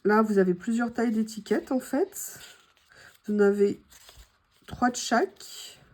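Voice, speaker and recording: Somewhat high-voiced French woman, a little hoarse, gushing casual vlog chat. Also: a little slow, a little mellow. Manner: chatty, gushing, many fillers. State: slightly hoarse. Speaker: craft vlogger opening mail.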